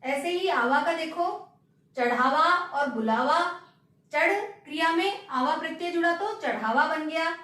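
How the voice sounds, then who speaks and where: Slow, high-pitched woman teaching in an echoey room. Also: a bit bright. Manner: patient, repeats examples, asks rhetorical questions. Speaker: Hindi grammar teacher. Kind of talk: slow classroom explanation. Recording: very echoey room, distant mic.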